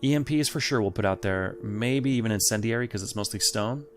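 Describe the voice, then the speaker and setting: A man's voice: fairly low pitch, a little fast. A man hosting a let's play, thinking aloud and chatting casually to the game's characters as he plays. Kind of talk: casual gameplay commentary. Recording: faint game music behind.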